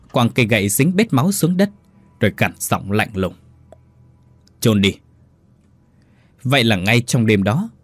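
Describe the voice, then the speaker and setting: Husky man narrating a horror tale. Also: medium pitch, no echo. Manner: dramatic, expressive. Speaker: storyteller. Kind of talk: dramatic horror audiobook narration.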